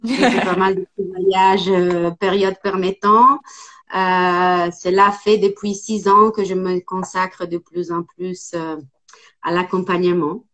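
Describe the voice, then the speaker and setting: A woman in her forties from Italy with an Italian accent, speaking as an interview guest, hesitant with many pauses and fillers. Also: fairly low pitch, level tone, a bit bright. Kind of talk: casual interview.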